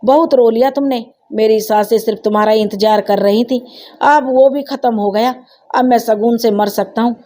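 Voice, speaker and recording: A woman's voice: a little high, moderate pace, mellow, lightly acted. A woman reading as a weary dying old husband. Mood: weary tender. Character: elderly dying husband, tired and remorseful.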